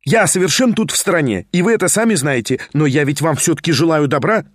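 A man reading a novel aloud and voicing a fussy, scheming young man who pleads and coaxes in a rapid, high patter. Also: dry recording, clean studio sound, lightly acted. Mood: impatient. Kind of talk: audiobook character reading.

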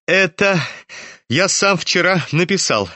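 A man reading a novel aloud, voicing a sick, hysterical young man in excited, shrill outbursts. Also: slow, no echo, exaggerated voice. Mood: feverish agitated. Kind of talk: audiobook character reading.

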